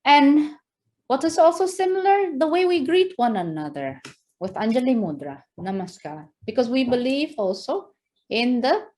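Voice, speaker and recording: Lecturing as a guest, a West Javanese woman with an Indonesian accent talks at a moderate pace in a high, very animated, somewhat dark voice. She engages the room with questions, often adds a rhetorical "right?", and is enthusiastic, breaking into laughter frequently.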